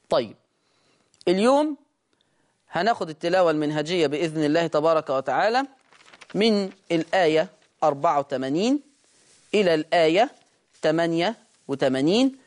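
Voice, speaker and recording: A Quran recitation teacher with an Egyptian accent, explaining quickly and then slowly drawing out each word to demonstrate how it is read. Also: mid-range voice. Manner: brisk explanation, slow drawn-out demonstration of words. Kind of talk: recitation lesson.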